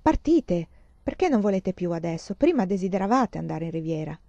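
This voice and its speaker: Brief: a courteous older suitor in an audiobook, voiced by a woman reader, mellow and slightly dull. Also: on the low side, very animated, fairly quick, dry recording. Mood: coaxing. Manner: formal, reassuring.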